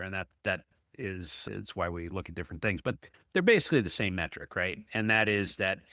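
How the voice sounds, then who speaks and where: Hosting a business podcast, this apartment investor has a fairly deep voice and a bright, forceful tone. His style is conversational and emphatic, driven by anecdotes, with points capped by a questioning "right?". The sound is very dry, without any echo.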